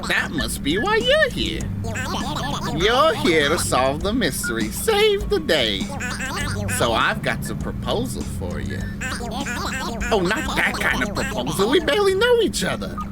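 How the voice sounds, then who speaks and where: A woman voicing a pompous, excitable male god of leadership, reading game dialogue aloud in a theatrical, grandiose way. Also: lowish voice, measured pace. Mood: scheming. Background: game music.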